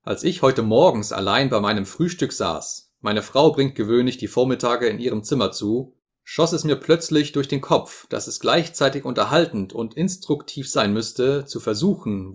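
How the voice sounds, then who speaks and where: A man's voice: mid-range voice, expressive, normal speed, slightly rough. A man reading as a pompous old professor. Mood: lecturing. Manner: grandiloquent, lecturing. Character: pompous, self-satisfied elderly male professor.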